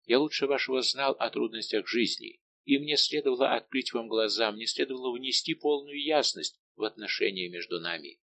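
A man's voice: mid-range voice, fairly quick, few pauses, bright, forceful tone, slight background noise. Brief: a male narrator voicing a proud heartbroken nobleman, impassioned and grave. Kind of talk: audiobook dialogue reading.

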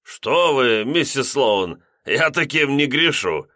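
A man's voice: mid-range voice, very animated, slow pace, bright, forceful tone, no room sound, studio quality, voice pushed up, exaggerated voice. Man doing a drunk giggling lodger. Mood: tipsy. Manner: slurred, silly, drawling.

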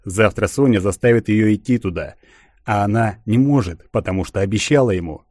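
A man reading a literary audiobook in a measured, even way. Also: lowish voice, dry recording, clean studio sound. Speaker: audiobook narrator.

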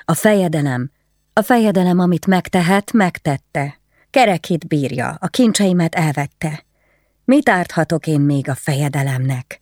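Brief: timid yet bold young widow, read by the narrator, soft and hushed, dry close sound. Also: female voice, sits low, lively intonation, no room sound. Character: young noble widow, shy but bold.

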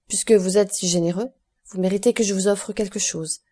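A woman reads a talkative male prison guide, humble and eager to please. The audiobook voice stays warm and soft-edged, with only a light lift for the character. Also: mid-range voice, steady tone, a little fast, close to an everyday voice. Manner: eager, deferential.

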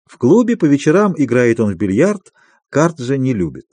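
Male audiobook narrator, husky tone, animated intonation. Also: medium pitch, dry recording. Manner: expressive, measured reading. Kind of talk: scripted literary narration.

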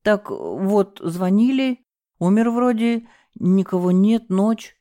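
A woman's voice: mid-range voice, unhurried, warm tone, pitched above the performer's own voice, close to an everyday voice. A woman voicing a flustered, scatterbrained young female hotel receptionist who babbles and whimpers in fright. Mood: flustered, whimpering.

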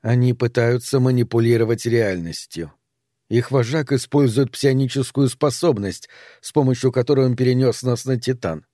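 Serene woman speaking evenly, read by a male narrator in his own dark voice. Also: medium pitch, normal speed, no room sound, clean studio sound, lightly acted. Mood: calm. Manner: calm and even. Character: calm serene young woman, composed.

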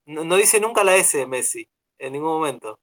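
A young man with an Argentine accent co-hosting a casual radio chat show, rambling and relaxed with many fillers. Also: a little high, moderate pace. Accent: Argentine Spanish. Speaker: radio co-host.

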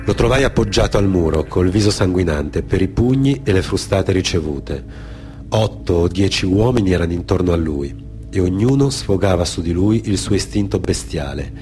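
Music accompanies a low, expressive, darkish male voice speaking at normal speed. The speaker, a theatre storyteller and author-performer from Genoa, Italy, gives dramatic radio storytelling in a reflective way, partly improvised anecdote and partly read testimony, occasionally halting and repeating himself.

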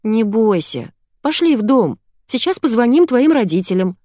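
A woman voicing an excitable, naive teenage girl in an audiobook, loud and eager. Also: on the high side, normal speed, dry recording, clean studio sound, voice pushed up. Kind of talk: audiobook character voice.

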